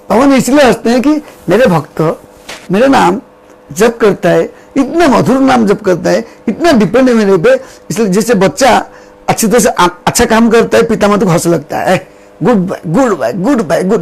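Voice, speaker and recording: High gravelly male preacher. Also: poor audio. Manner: acts out scenes with gestures, repeats phrases, chants verses slowly. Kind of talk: devotional storytelling sermon.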